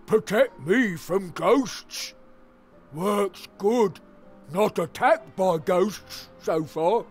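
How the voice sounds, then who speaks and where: Husky, slow, simple ogre. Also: male voice, high-pitched, soft background music, exaggerated voice. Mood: wary. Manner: slow, childlike broken speech. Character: simple-minded, timid, stubborn male ogre. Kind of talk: video game character acting.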